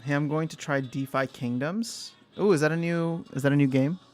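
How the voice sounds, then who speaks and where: A man's voice: fairly high pitch, normal speed. A young man hosting a casual livestream, thinking aloud, answering chat and trailing off mid-sentence. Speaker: livestream host.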